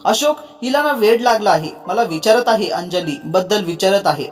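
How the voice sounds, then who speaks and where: A narrator doing an indignant young husband. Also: male voice, high-pitched, animated, moderate pace, faint music behind. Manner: loud, indignant. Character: young husband feigning anger.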